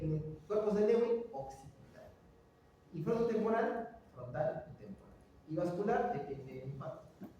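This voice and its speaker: A middle-aged man giving a classroom lecture, animated and quizzing his students with rhetorical questions. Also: on the high side, a little hiss or hum. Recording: echoey hall, voice from far off.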